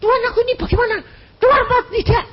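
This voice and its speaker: An older preacher putting on the voice of a panicked man pleading for help on the phone, dull lo-fi recording with faint hiss. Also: very fast. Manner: frantic, pleading, high-pitched.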